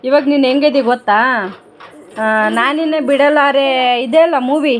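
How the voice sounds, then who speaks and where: A woman's voice: high-pitched, steady tone, moderate pace, slight background noise. A young woman, a mother, vlogging casually at home and coaxing her small children.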